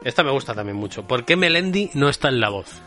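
Guy cohosting, jokey and laughy, bright voice. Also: medium pitch, expressive, fast, soft background music. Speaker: podcast co-host. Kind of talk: casual chat.

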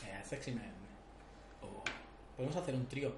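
A man's voice: mid-range voice, normal speed, a loud crowd. A man co-hosting a podcast, joking and teasing his friends in casual banter. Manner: joking, teasing, leads the questions. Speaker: podcast co-host. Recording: echoey room.

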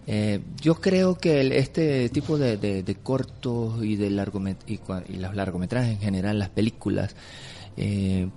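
Being interviewed on the radio, this Venezuelan film festival director from Caracas has a low, dark voice and lays out his opinions emphatically, though he stops at times to find words. The unscripted exchange carries clearly audible background noise.

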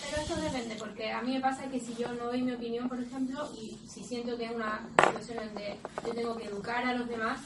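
A woman's voice: on the high side, steady tone, fast, few pauses, heavy background noise. A woman in a workshop group sharing a personal experience, recorded from a distance. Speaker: workshop participant. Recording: distant mic in a roomy space with a group around.

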